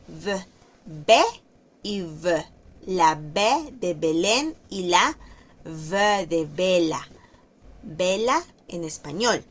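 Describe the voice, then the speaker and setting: Very slow, patient woman teaching a class. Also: on the low side. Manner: slow and patient, repeats words to model pronunciation. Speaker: French teacher. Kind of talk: online language class.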